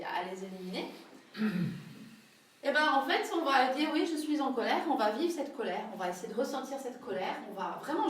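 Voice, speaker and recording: A woman's voice: high voice, slight background noise. A woman leading a group workshop in a conversational teaching manner, often checking in with her listeners. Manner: conversational, frequent tag questions. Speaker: workshop leader. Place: room with a small group. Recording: very echoey room, far from the mic.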